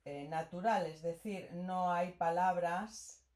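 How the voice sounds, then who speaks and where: A woman's voice: on the low side, steady tone, takes it slowly, a little mellow. A woman teaching a grammar lesson, explaining patiently and often checking in with the listener.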